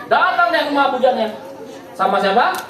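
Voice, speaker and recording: A man's voice: very high voice, quick pace. A man, telling a story playfully and directly to the children in a large hall. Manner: playful, animated, addresses the kids directly. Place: large event hall with audience. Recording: echoey hall from far off, with crowd and music.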